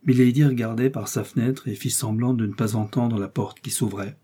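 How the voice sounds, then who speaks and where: A man narrating a classic novel in a measured, expressive reading. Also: mid-range voice, husky. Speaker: audiobook narrator.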